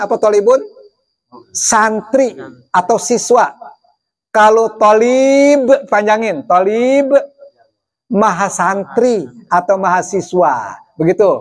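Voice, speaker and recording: A man giving a Sunday morning religious lecture, asking his audience questions and answering them himself, drawing out words to show how they are said. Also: high voice. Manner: stretches words to show pronunciation. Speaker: preacher.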